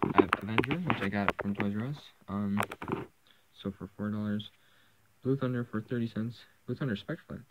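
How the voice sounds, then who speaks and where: Man, low voice, rambling casual haul vlog, many fillers, lo-fi phone audio, loud background hiss. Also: normal speed. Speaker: toy collecting vlogger. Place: indoors, camera pointed at toys on a carpeted floor.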